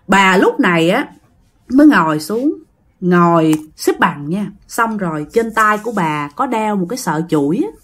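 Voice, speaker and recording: A woman with a Southern Vietnamese accent, narrating a ghost story to her listeners in lively quoted speech. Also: lowish voice.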